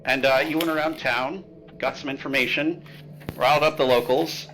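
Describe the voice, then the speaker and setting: A man's voice: medium pitch, fairly even intonation, normal speed, fairly bright tone, soft background music, low-quality recording. A man running a tabletop horror game, recapping the story in casual livestream chat, joking and rambling with lots of filler sounds. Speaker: game master.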